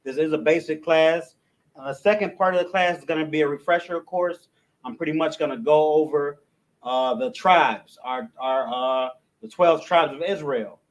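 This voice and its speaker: Poor audio captures a man with a fairly high voice teaching a language class. He reads the alphabet out letter by letter, haltingly, with lots of restarts and fillers.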